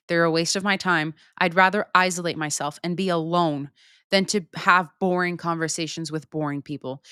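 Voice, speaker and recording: A woman's voice: lowish voice, a bit bright, clean tone, no room sound, clean studio sound. A young woman speaking in a casual, candid monologue as a podcast host, unfiltered and swearing casually. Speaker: podcast host answering listener questions.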